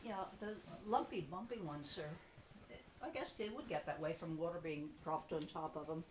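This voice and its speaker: A woman's voice: low-pitched, normal speed. A woman visitor on a tour, making casual, joking remarks, with cave echo on her voice. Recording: echoey cave, faint noise.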